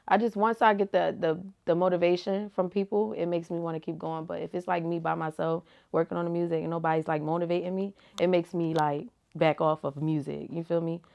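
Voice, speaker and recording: A woman's voice: on the low side, flat delivery, a little fast, vocal fry, hardly any pauses, darkish tone, lo-fi sound. A young woman giving casual, slangy answers as an interview guest, laid-back and full of "like" and "you feel me". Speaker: rapper and reality TV personality, guest.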